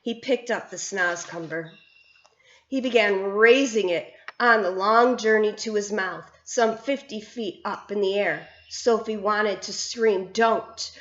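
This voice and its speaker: Woman, teacher, reading a children's book aloud, expressive, roomy, dull lo-fi sound. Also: medium pitch, measured pace. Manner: expressive storytelling.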